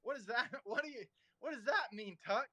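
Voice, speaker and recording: A man's voice: very high voice, moderate pace, bright, forceful tone, dry recording. A man hosting a casual online audio chat, rambling and teasing, with lots of fillers. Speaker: host of a social audio room.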